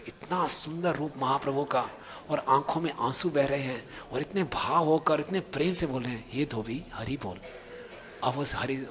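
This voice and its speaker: A man giving a devotional sermon, telling a story with animated acted-out voices and jokes for his listeners. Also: sits high, in a large hall. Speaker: preacher.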